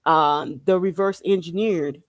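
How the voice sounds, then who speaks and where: On her podcast, a woman from Haiti speaks unhurriedly in a lowish voice, giving an informal monologue on spiritual and political themes. She is emphatic and repetitive, often posing rhetorical questions, and the studio sound is clean with no echo.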